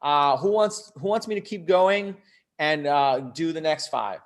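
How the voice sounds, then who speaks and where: Raised in Bangladesh until ten before moving to the US, this startup coach hosts a live online session. His voice runs on the high side and is animated, with a measured pace, and he speaks emphatically and conversationally, frequently checking in through rhetorical questions.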